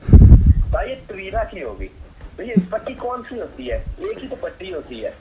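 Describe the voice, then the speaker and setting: On a dull, noisy phone connection, a medicine supplier with a Pakistani accent speaks at normal speed in a high, very animated voice. He comes across as sarcastic and exasperated throughout the call.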